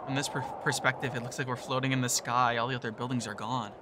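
A man's voice: medium pitch, flat delivery, fast, background noise. A man narrating a visual novel in the first person, in a nervous, self-deprecating tone.

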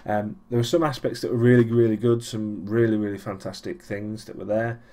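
Speaking fairly quickly in a steady, dark, lowish voice, a young man from Europe runs through his weekly vlog recap. It's a loose, casual ramble, with frequent ums, restarts and a sarcastic, deadpan edge.

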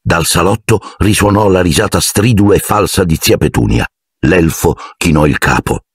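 A man narrating an audiobook with expressive, dramatic storytelling. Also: low voice, normal speed, slightly rough, dry recording, studio quality.

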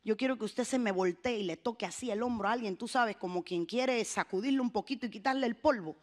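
A woman's voice: on the high side, fast, darkish tone. A woman pastor preaching a sermon with rising fervor, calling the congregation to repeat after her.

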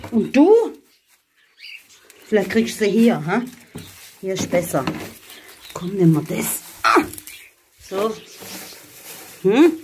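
Woman vlogger from Germany, chatty and coaxing with her pets, unhurried delivery, outdoor camera mic with faint noise and animals nearby. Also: mid-range voice, big pitch swings. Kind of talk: casual vlog talking to viewers and animals. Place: outdoors in a hot village yard with animal pens.

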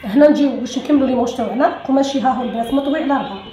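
A woman with an Algerian Arabic accent teaching a sewing tutorial, talking quickly to viewers and often correcting herself. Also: high-pitched, warm tone, echoey room, dull audio. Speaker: sewing instructor. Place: room at a cutting table.

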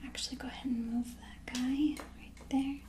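A young woman in a whispered role-play as a polite librarian, speaking in a breathy, hushed library whisper. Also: high voice, flat delivery, moderate pace, slight background noise. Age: young adult. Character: polite, helpful female librarian at the checkout desk. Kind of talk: whispered role-play, soft-spoken ASMR. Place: small room indoors at a desk. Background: clicks and handling noises.

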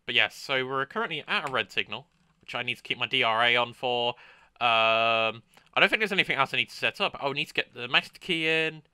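Man, casual gameplay streamer, very bright tense tone, smooth clear voice, dry close mic. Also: mid-range voice, a little fast, dry recording. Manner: upbeat, chatty, with sound-effect exclamations.

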